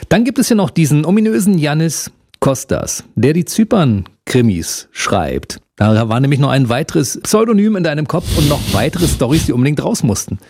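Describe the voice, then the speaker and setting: A man from Berlin hosting a late-night radio interview, asking questions with a lively, laughing manner. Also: a little high, normal speed, breathy edge. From Germany, Berlin. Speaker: radio talk host.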